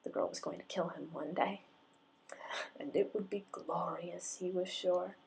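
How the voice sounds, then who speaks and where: Low, gravelly woman reading a story aloud. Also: fairly even intonation, a little slow, a little mellow, a little hiss or hum, poor audio. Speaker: reader. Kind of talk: reading fan fiction aloud.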